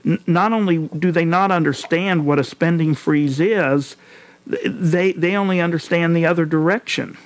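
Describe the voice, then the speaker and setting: A middle-aged man from California hosting a talk show, telling stories animatedly and mimicking others in a higher voice. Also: normal speed, dry recording. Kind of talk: conversational political commentary.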